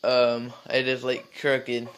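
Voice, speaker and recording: A man's voice: monotone, takes it slowly, fairly bright tone, a little hiss or hum. A teenage man filming a casual farm vlog on his phone, rambling as he shows off the barn, the animals and a trailer. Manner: rambling, talks to the animals in a high baby voice. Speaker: farm vlogger. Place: outdoors on a farm and in an open wooden barn. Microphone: phone camera held at arm's length.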